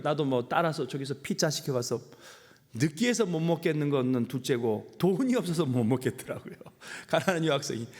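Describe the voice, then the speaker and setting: A middle-aged male pastor preaching a sermon, telling a personal story with humor and emotion. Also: on the high side. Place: church sanctuary. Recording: long hall reverb.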